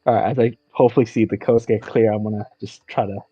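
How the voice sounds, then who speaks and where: A man's voice: lowish voice, fairly even intonation, quick pace, slightly rough, dry recording. Brief: male player, chatty, muffled and dry voice-call audio. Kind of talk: casual tabletop role-play.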